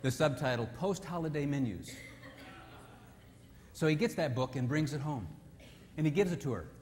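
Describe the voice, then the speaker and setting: A man preaching a sermon with a fairly high voice, telling stories in an animated way and sinking low and soft to drive points home. The sound carries a long reverb from the church hall. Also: moderate pace, a little hiss or hum. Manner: animated storytelling, drops low and quiet for emphasis. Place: church sanctuary.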